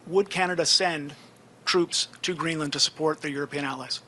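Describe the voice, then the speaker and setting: A man's voice: a little high, steady tone, normal speed, pushed and bright. A man working as a reporter, asking direct questions at a press conference.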